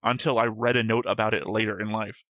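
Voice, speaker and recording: This reaction show host, voice on the low side but bright and forward with a steady tone, moves quickly through his notes in casual talk. He often backtracks to correct himself and swears at times, recorded dry and close on the mic with no room sound.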